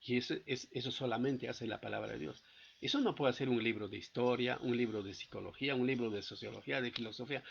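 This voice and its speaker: Guy preaching, gravelly raspy voice, keeps asking the church if they get it, muffled lo-fi recording. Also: medium pitch, fairly bright tone, slight background noise. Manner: asks the congregation frequent rhetorical check-in questions. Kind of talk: sermon.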